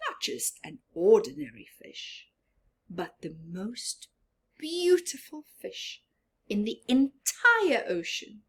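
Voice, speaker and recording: A woman reading a story aloud to children as a teacher would, expressive and deliberate. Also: on the high side, slightly rough. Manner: expressive, deliberate, questioning the listeners.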